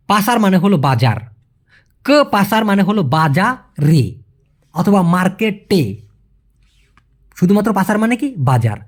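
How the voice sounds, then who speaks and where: Man explaining a lesson, lively pitch. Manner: explains patiently, repeats phrases slowly, asks "clear?". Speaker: language teacher. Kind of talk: casual spoken language lesson.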